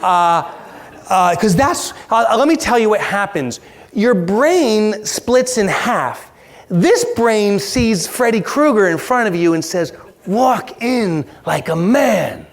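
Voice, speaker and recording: A man giving a keynote talk, telling a story in an animated, self-mocking way and acting it out. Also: high voice, slow pace. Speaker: keynote speaker. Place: large conference hall.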